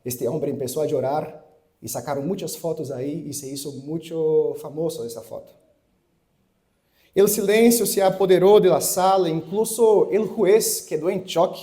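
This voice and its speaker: A man with a Chilean Spanish accent, a pastor preaching a sermon, reading scripture in a deliberate, measured way before telling a story. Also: on the high side, dark tone.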